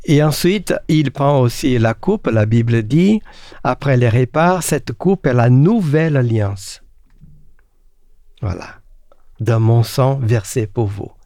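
A man's voice: mid-range voice, creaky, dark tone, dry recording, studio quality. Earnest man teaching the Bible. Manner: earnest, asks rhetorical questions; halting, with frequent fillers and restarts.

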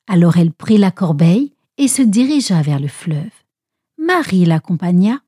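A woman narrating a children's Bible story in an expressive, animated way. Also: lowish voice, moderate pace, breathy edge, no room sound, studio quality.

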